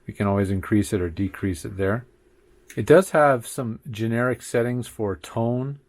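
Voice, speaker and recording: Recorded without echo, a man with a voice on the low side speaks at normal speed while giving an easygoing tech tutorial from his home studio. The tech reviewer keeps doing mic checks and counting into his desk-arm condenser mic, chatting comfortably as a computer hums faintly nearby.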